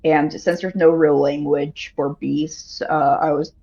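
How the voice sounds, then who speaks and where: Dude playing tabletop rpg, slow and halting, gravelly voice, muffled lo-fi mic. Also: male voice, a little high, little pitch movement, darkish tone. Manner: halting, deliberate. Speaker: tabletop game player. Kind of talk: casual tabletop role-play.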